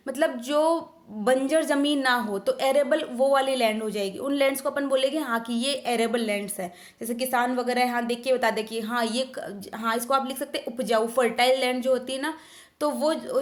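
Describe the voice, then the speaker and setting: High-voiced woman teaching vocabulary. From India. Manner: chatty, explains with everyday examples, frequent fillers. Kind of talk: casual Hindi-English vocabulary lesson.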